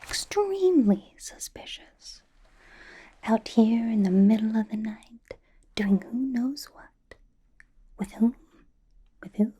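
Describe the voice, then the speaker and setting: A woman plays a chatty young superheroine interrogator in an ASMR roleplay, her voice high but soft and mellow, mostly whispered with a breathy edge. She's playfully suspicious and rambling, speaking slowly and sing-song with long pauses in a heavily acted delivery.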